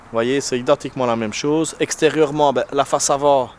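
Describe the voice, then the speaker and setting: A man's voice: mid-range voice, fairly even intonation, brisk. A man with an unusual French accent hosting a casual car vlog, talking in a hesitant, chatty way with many fillers and restarts. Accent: non-standard French accent. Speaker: car channel host. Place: in a car, then outdoors beside parked cars. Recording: noisy, with car and street sound. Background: vehicle and street noise.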